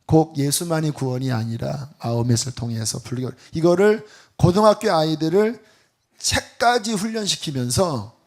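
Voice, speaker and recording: Middle-aged male pastor, higher-pitched tenor, lively storytelling sermon. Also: moderate pace. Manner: animated storytelling, acting out quoted voices. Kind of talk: sermon with personal testimony.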